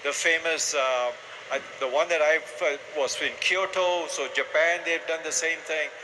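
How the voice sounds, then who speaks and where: A man moderating a live panel discussion, briskly summing up the guests' answers and posing questions. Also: a little high, fairly even intonation. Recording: noisy live event recording.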